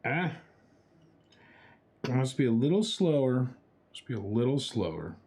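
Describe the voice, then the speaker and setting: With a sing-song lilt and a darkish tone, a medium-pitched young man keeps a measured pace as he chats with viewers on his charity stream. He narrates a chopsticks challenge step by step, tossing in playful exclamations.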